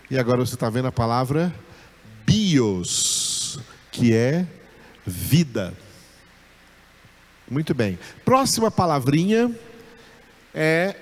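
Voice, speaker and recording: A man with a Brazilian Portuguese accent teaching a recorded Bible school lesson, patiently repeating each point and checking in with his students. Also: mid-range voice. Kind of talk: recorded lesson on Koine Greek.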